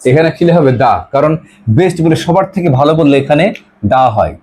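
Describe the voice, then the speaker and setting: A male teacher, taking a grammar class. He asks his pupils questions over and over and repeats their answers back. He reads the English example sentences slowly and carefully. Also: fairly high pitch, a little mellow. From West Bengal, India.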